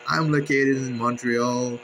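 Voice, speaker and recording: Sitting at a desk indoors, a shortwave radio hobbyist films a scanning video on a handheld phone, rambling to himself in slangy, off-the-cuff chat as he tests a radio. His mid-range voice is fairly even in intonation, a bit bright, and measured in pace; the recording is rough, with shortwave radio noise behind him.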